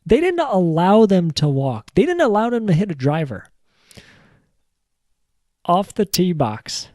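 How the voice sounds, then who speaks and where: Male host, casual rambling monologue with profanity and jokes; talks slowly, dry studio feel. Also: high-pitched, very animated, warm tone, no room sound. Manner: rambling, joking, swears casually. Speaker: podcast host. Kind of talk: casual solo rant.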